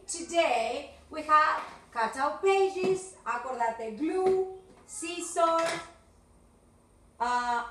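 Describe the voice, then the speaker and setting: A high-voiced woman teacher with a Rioplatense Spanish accent gives a video lesson to kids, switching between English and Spanish and drawing her words out slowly. She keeps praising and repeating words, checking again and again whether it's clear. She's recorded from some distance in an echoey room with a faint hiss underneath. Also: fairly bright tone. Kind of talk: recorded video class for children.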